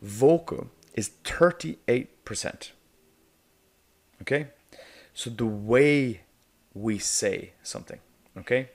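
A medium-pitched, expressive Irish man coaches negotiation in loose, casual narration over an animated whiteboard video. He chats freely, repeatedly asks "okay?", fills gaps with "um", and laughs softly mid-sentence.

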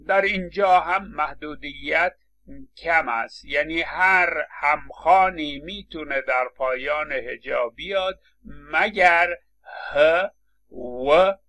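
Guy teaching a phonetics class, bright tense voice, lots of uh's as he explains. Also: fairly high pitch. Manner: explanatory, many hesitation fillers. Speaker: phonetics lecturer. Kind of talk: university lecture.

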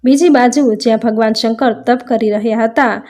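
A woman storyteller reading a devotional tale in a steady, measured way. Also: on the high side.

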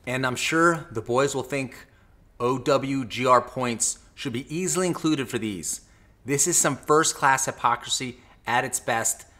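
A man in his forties hosting an opinionated commentary vlog from a small home office, talking close into a boom mic in a sarcastic, argumentative way. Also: unhurried, sharp tone. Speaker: host. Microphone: studio mic on boom, close.

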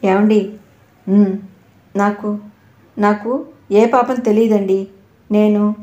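A woman's voice: medium pitch, fast talker, darkish tone, echoey room, natural voice. A woman voicing a frightened young wife who pleads tearfully with her husband. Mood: pleading.

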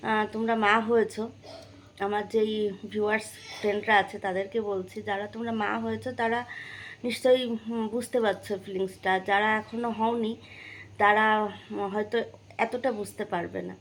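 A woman's voice: mid-range voice, fairly bright tone, a little hiss or hum, rough recording. A young woman from West Bengal, chatting casually to her viewers in a vlog, with many fillers and restarts. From West Bengal, India. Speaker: vlogger.

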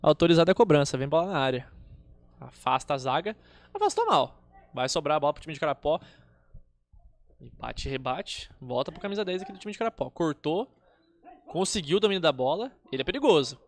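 Male Brazilian play-by-play football caller, colloquial, slightly high voice, very lively pitch movement. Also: fairly quick, no room sound. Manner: informal, colloquial. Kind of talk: live football match commentary.

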